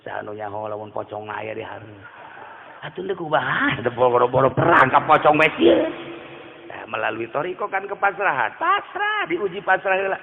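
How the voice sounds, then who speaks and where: A man with a Sundanese accent preaching a sermon in lively storytelling style, joking and dropping from loud calls to hushed asides. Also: a little high, moderate pace, vocal fry, in a large hall, phone-quality sound.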